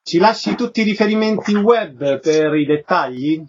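A male radio interviewer with a fairly high voice. He gives short questions and tidy announcements. The audio is a little dull, with faint noise behind him. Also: lively intonation, moderate pace.

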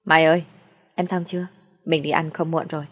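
Woman playing a soft-spoken young boyfriend, playful and reassuring, low husky voice, storybook reading. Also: level tone, brisk, long reverb tail. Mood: teasing. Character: young man, gentle teasing boyfriend.

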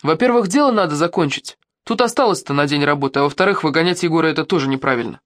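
A woman's voice: sits low, expressive, rapid-fire, a bit bright. A woman reading an audiobook, voicing a stubborn, principled teenage boy who argues his point earnestly. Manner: earnest, reasoning.

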